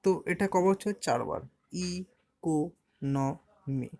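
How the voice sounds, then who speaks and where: A man's voice: a little high, animated, a little mellow. Patient man teaching, drawing out syllables. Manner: spells words out letter by letter and stretches syllables slowly; patient, explanatory, asks and answers his own questions. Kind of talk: beginner language lesson.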